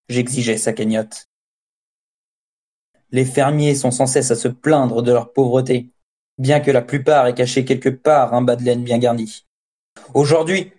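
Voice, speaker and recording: A man reading a first-person story as an audiobook narrator, in a measured, steady storytelling voice. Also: medium pitch. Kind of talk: scripted narration.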